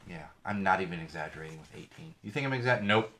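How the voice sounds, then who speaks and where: A fast-talking man with a low, expressive voice hosts his own podcast against a noisy background. In casual solo talk he rants about tech and social media with sarcasm and curses, his voice slightly affected by an ear infection.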